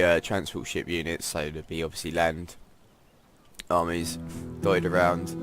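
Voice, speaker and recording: Stuffy-nosed deep man. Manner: relaxed, thinking aloud while planning moves. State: congested, stuffy nose. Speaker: gameplay commentator. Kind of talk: casual strategy game commentary. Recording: game music playing behind.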